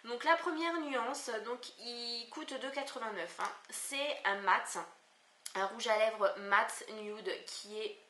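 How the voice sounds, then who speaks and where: A woman with a Southern French accent talks through a beauty haul, her slightly high voice full of fillers and restarts. She is recorded on a camcorder microphone in an echoey room at home. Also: slow pace, pushed and bright. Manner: hesitant, many fillers and restarts. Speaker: beauty vlogger. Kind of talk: casual haul video chat.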